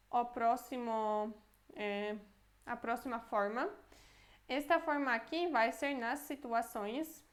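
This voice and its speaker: Patient Brazilian woman teaching Polish. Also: a little high. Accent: Brazilian Portuguese. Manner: patient, explanatory, slows down to repeat Polish phrases. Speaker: language teacher. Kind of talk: Polish lesson explained in Portuguese.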